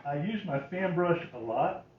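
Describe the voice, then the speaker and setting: A man's voice: fairly high pitch, expressive, moderate pace, far from the mic. A folksy man in his sixties giving a casual painting tutorial, talking to himself and poking fun at himself as he works. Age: 60s. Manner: folksy, self-deprecating, muttering to himself. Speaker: painting demonstrator. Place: small curtained indoor painting space. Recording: roomy, dull sound with faint noise.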